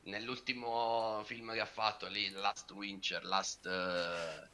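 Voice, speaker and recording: A man's voice: on the low side, level tone, slow, bright, forceful tone. A man chatting playfully with friends during a game, goofing around with silly sing-song bits. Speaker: gaming friend. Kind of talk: casual gaming chat. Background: keyboard clicks.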